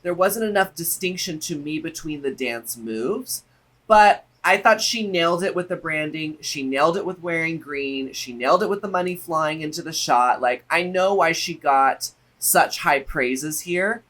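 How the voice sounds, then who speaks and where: A man's voice: fairly high pitch, normal speed, fairly bright tone. A man co-hosting a review show, chatting casually with opinions in a campy, sassy drag-queen manner. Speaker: reality show review co-host.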